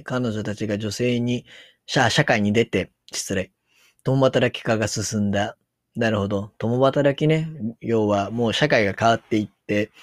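A man's voice: mid-range voice, no echo, studio quality. A man with a Kansai accent giving casual commentary on a news article, musing aloud and reading passages out as he goes. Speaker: solo commentator.

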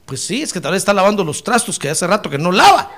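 A man's voice: high-pitched, big pitch swings, quick pace, a bit bright, a faint crowd. A man preaching a fervent sermon, often calling his listeners brother.

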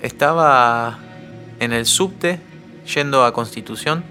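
A young man with an Argentine Rioplatense accent, telling a personal anecdote on a podcast in an animated way. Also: mid-range voice, slow pace, soft background music. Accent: Argentine Rioplatense Spanish. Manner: animated, acts out quoted voices with shouts. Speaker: guest storyteller.

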